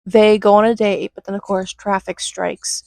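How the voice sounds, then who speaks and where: A young woman retells a film plot in a loose, chatty way, jumping into quick impressions of the characters. Her voice has a gravelly fry at the ends of phrases, heard dry and close. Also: medium pitch, little pitch movement, a little mellow, no echo, poor audio. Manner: flippant, acts out quotes in quick voices. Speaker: movie reviewer. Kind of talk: casual recap commentary.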